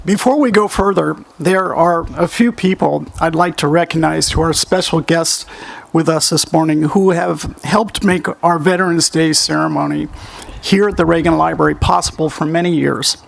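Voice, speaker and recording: A man giving formal ceremony remarks as master of ceremonies, speaking in measured, courteous tones at a lectern microphone. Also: on the high side, fairly even intonation, creaky.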